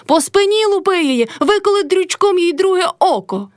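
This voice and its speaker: A woman's voice: medium pitch, expressive, racing, no room sound, clean studio sound, close to an everyday voice. A woman voicing a quarrelsome young village wife who screams insults at her neighbours in a storybook reading. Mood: shrill scolding. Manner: shrieking insults.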